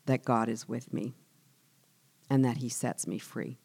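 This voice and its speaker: A woman giving a devotional church teaching in an earnest, measured way, often dropping softer on key words. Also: very deep voice, little pitch movement, gravelly, slightly rough. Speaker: church speaker.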